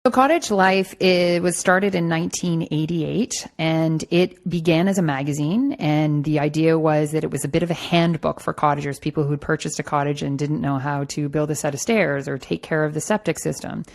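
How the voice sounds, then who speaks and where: A woman's voice: sits low, fairly even intonation, moderate pace, hardly any pauses. A middle-aged woman from Toronto, a magazine editor talking as a podcast guest in a loose, conversational way with fillers and restarts. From Toronto, Canada. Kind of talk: relaxed interview answers.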